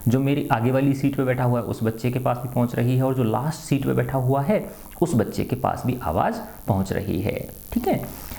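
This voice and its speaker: A man's voice: medium pitch, lively intonation, moderate pace, gravelly, mellow. A middle-aged man teaching a science lesson to students, often asking a question and answering it himself, and tagging his sentences with a short check for agreement. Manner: asks and answers his own questions, repeats "है ना". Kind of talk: classroom lecture to students.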